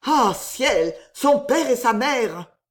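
A naval captain undone by shock and grief, as a female reader voices him. He cries out in desperate, anguished bursts, his pitch rising and falling widely. This is a storybook read-aloud. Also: animated, extremely slow. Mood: despairing.

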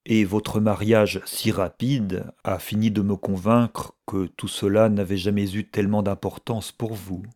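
A man's voice: fairly low pitch, fairly even intonation, a little slow, hardly any pauses, close to an everyday voice. A man voicing Mrs. Slade, a bitter jealous woman. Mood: cool. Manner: sharp, mocking, flaring into outbursts. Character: bitter, jealous middle-aged woman, cutting and proud. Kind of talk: audiobook reading.

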